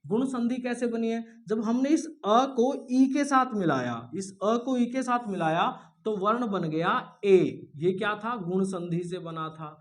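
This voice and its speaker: Male teacher, classroom lesson, step-by-step explanation, self-answered questions, drawn-out demo sounds. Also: high-pitched. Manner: stretches sounds slowly to demonstrate.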